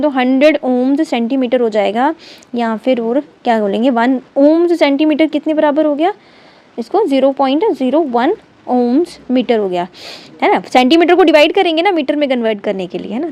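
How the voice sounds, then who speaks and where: Woman, high voice, chemistry teacher, reads slowly then explains fast, quizzes the class. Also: warm tone. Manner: reads English textbook lines slowly, then explains fast in Hindi with English terms; keeps asking the class questions and checking in. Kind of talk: classroom lecture.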